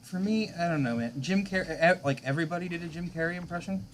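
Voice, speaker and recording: A man's voice: high-pitched, quick pace, a little hiss or hum. A man in his thirties, a game streamer, chatting casually with his viewers late at night, chuckling often as he answers chat.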